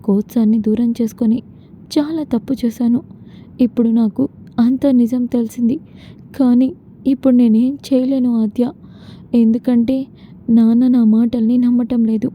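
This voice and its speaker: A woman's voice: a little high, steady tone, moderate pace, long pauses, close to an everyday voice. A woman voicing a grieving, remorseful young bride in a retold serial. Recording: dull lo-fi with faint noise.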